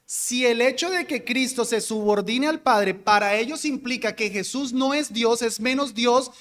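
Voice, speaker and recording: High-voiced man teaching Bible class. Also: a little slow, a bit bright, in a large hall. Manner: explanatory, asks the class questions and answers them.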